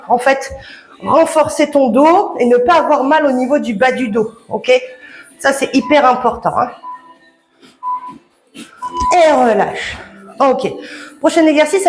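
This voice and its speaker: A woman coaching a home workout, chatty and encouraging, laughing often and slightly out of breath. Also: high-pitched. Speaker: fitness coach. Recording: echoey room with background music.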